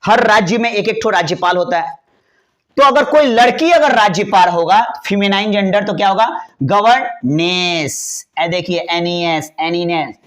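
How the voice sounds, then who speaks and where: High-voiced man teaching English words. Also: fairly bright tone. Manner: chatty and playful, spells words letter by letter, drawls key words slowly. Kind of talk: classroom lesson explaining vocabulary.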